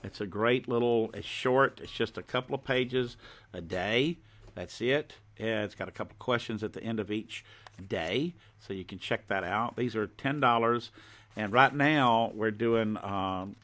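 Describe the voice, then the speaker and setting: A man talking like a folksy home shopping host on a live stream, informally showing and pitching his own products. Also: fairly bright tone. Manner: folksy, informal show-and-tell.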